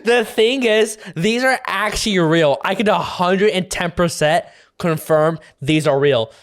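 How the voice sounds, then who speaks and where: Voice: medium pitch, unhurried. A reaction video host giving casual commentary who exclaims and laughs in disbelief.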